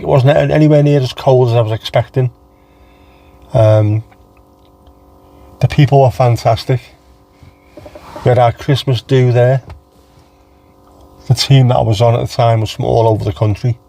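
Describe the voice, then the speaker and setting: A medium-pitched, warm, creaky voice moves at a moderate pace and steady tone, pausing often. The speaker is an English livestream host with a mild Scouse accent who, though low on energy, rambles chattily, reading viewers' chat names aloud and answering them.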